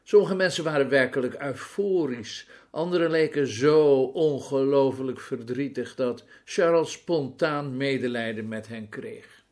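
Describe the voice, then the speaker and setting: A man reading a story aloud in a calm, measured narrating voice. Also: mid-range voice.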